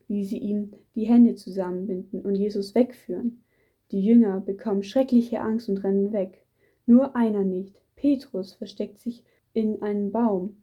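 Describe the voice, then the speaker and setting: A woman reading a children's Bible story aloud in a gentle, measured storytelling manner. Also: medium pitch, husky. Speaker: story reader. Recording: dull muffled recording.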